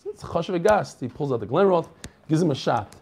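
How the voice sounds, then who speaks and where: Lively joking man teaching Talmud. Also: on the high side, a little fast, gravelly, husky. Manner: joking and animated, sprinkles in Hebrew and Yiddish terms; frequent restarts and self-corrections. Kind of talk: casual daily Talmud class.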